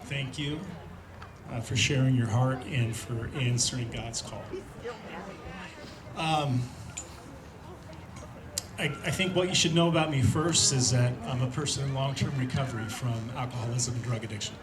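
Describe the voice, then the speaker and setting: A man's voice: mid-range voice, normal speed, pauses often, a crowd in the background. Earnest man from Indiana in an echoey hall. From Indiana, USA. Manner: earnest, reflective, with many fillers. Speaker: speaker sharing a recovery testimony. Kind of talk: personal testimony at a church event. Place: large room at a church event with an audience. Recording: roomy hall with audience noise.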